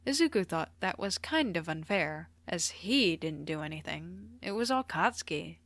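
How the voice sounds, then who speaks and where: A woman reading a fan story aloud at an even, unhurried pace. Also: fairly low pitch, no echo. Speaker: podfic reader. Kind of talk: storybook narration.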